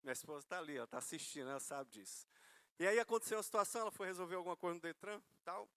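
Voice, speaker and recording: A man's voice: high voice, racing, fairly bright tone, smooth, dry recording. Man, Brazilian accent, sermon, conversational with self-mocking humor, dry close sound. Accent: Brazilian Portuguese. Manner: asks listeners rhetorical questions, calls them brother. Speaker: preacher.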